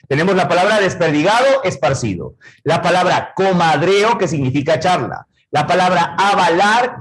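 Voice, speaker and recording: Ecuadorian man, middle-aged, teacher, somewhat high voice, explains synonyms step by step, asks little checking questions. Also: breathy edge, poor audio. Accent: Ecuadorian Spanish. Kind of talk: verbal reasoning lesson.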